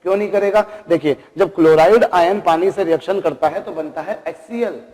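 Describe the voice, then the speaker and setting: High-voiced chem teacher lecturing, keeps asking the class questions, echoey room. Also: male voice, a little fast, darkish tone. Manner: explains with rhetorical questions, addresses students as kids. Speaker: chemistry teacher.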